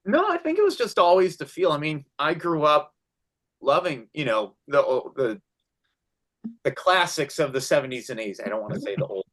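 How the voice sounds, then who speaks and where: A man's voice: a little high, moderate pace. A man around thirty, a film director as a guest, chatting casually in an interview with lots of restarts and fillers. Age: 30s. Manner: animated, many restarts and fillers.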